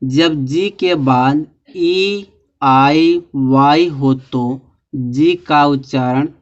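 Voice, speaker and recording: A man teaching a pronunciation lesson, posing questions and answering them himself and spelling out letters slowly. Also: mid-range voice. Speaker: English teacher. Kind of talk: classroom-style pronunciation lesson. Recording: dull lo-fi recording.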